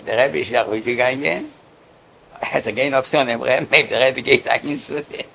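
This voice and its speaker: A man telling a story casually, in a halting way, often repeating words. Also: medium pitch, vocal fry, a bit bright, slight background noise, poor audio.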